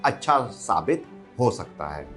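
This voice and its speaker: A man's voice: deep voice, sing-song, measured pace, fairly bright tone, soft background music. A man reading a scripted entertainment news roundup in an upbeat, gossipy way.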